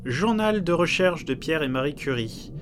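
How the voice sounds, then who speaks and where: A man hosting a podcast, reading a comic diary in a deadpan, absurd storytelling manner over background music. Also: on the high side, moderate pace, noisy background. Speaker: podcast host. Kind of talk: comedic scripted narration as a diary.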